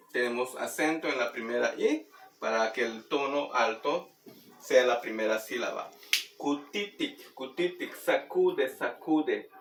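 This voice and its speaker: A man teaching Maya words through a children's song, speaking slowly and patiently and repeating words for practice. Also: mid-range voice. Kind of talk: explaining and demonstrating a children's song. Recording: roomy, distant mic, faint background noise.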